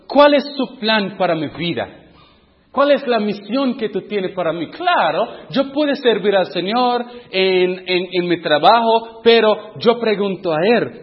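In an echoing church hall, a high-voiced man preaches a testimony sermon to a youth group. He's conversational, asks the audience questions, and acts out his own inner dialogue. The recording is muffled, with long hall reverb.

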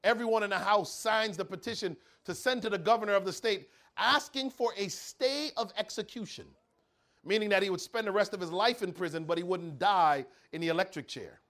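Brief: male preacher, high voice, dramatic sermon storytelling. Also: a little fast, a bit bright.

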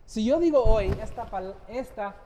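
A middle-aged man preaches a sermon and swoops up and down in pitch as he talks. He keeps checking in with the audience through questions and mixes in bits of English. A faint hum of noise sits under his voice. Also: moderate pace. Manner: lively, asks the audience questions, often adds "¿verdad?"; switches into English phrases now and then.

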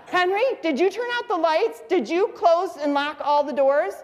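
A woman voicing an exasperated middle-aged mother scolding her husband in a shrill, nagging way. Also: expressive, normal speed, in a large hall.

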